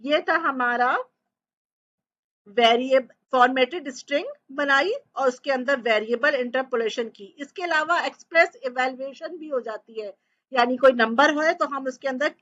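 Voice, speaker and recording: A woman gives a coding tutorial lecture, explaining programming step by step and frequently checking in with her students. Her voice sits high and is somewhat bright, though the recording is muffled.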